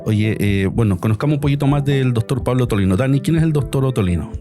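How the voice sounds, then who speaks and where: A man hosting a podcast, talking in a relaxed, friendly way. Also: mid-range voice, fast, over music. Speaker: podcast host, surgeon. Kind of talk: casual interview chat.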